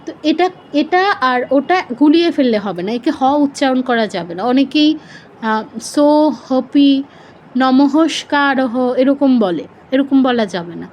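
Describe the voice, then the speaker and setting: A woman's voice: high-pitched, animated, moderate pace, darkish tone, highs cut off, a little hiss or hum. A woman teaching Sanskrit pronunciation in a live online class, patiently explaining and drawing out example syllables.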